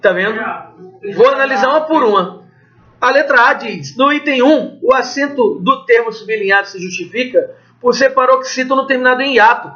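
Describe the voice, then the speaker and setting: A man's voice: extremely high pitch, normal speed, bright, forceful tone, highs cut off. A Brazilian man teaching Portuguese in an exam review lesson, quizzing the class and answering his own questions in a casual way, with the odd curse. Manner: conversational, asks the class questions and answers them himself; swears casually.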